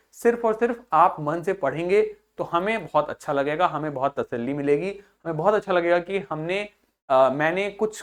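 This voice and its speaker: A man's voice: fairly high pitch, fairly bright tone. A man teaching an online English vocabulary lesson in Hindi mixed with English. He repeats each word several times to drill its pronunciation.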